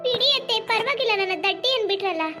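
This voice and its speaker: A woman's voice: very high voice, fast, over loud music, pitched above the performer's own voice. A woman with a Kannada accent voicing a naive young daughter-in-law in a cartoon, chatty and pleading. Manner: chatty, pleading, sing-song. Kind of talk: cartoon voice acting.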